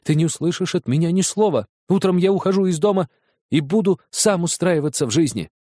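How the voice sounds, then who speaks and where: A man voicing a proud, bitter young man accused of theft, speaking coldly and haughtily in a higher voice than his own. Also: expressive, a little fast, dark tone, no echo, clean studio sound. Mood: defiant. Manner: cold, haughty.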